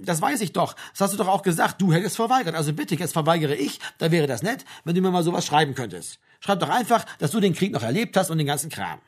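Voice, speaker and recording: A man's voice: a little high, expressive, fast talker, hardly any pauses, husky, pitched above the performer's own voice. A man voicing a cheeky young adult son who coaxes his parents in an audiobook. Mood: coaxing.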